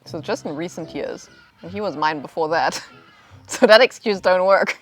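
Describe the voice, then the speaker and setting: Woman host of a cat vlog, chatty, laughs often, lowish voice, faint music. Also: normal speed. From born in Germany, raised in France. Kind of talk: casual chat.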